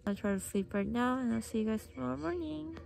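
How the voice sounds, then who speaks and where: Quick, gravelly-voiced young woman vlogging. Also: on the high side, animated, background noise. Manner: chatty, giggly, switching between Korean and English. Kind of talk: casual camping vlog chat. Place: inside a small tent in winter.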